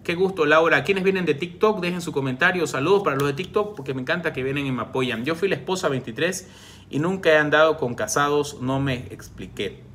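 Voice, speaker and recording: A man's voice: fairly high pitch, a little fast, a little hiss or hum. A man in his forties coaching viewers on relationships during a live stream, reading comments and answering them by name in a frank, direct way. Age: 40s. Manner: warm direct advice, addresses viewers by name. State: coughing from reflux.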